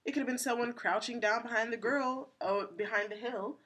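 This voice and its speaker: A woman's voice: a little high, steady tone, fairly quick, a bit bright, slightly rough. A woman in an easygoing podcast conversation, poking holes in stories and spinning her own theories. She talks in a loose, chatty way with frequent asides and fillers. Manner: skeptical, offers theories and retells anecdotes with asides. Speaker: co-host. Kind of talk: casual podcast chat.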